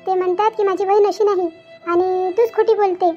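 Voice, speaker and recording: A woman's voice: extremely high pitch, fairly even intonation, mellow. Woman voicing a hesitant young cartoon daughter. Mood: troubled. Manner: hesitant, pleading, halting restarts. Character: young married daughter, troubled and tearful. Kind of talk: Marathi cartoon voice acting. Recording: dull lo-fi with faint background music.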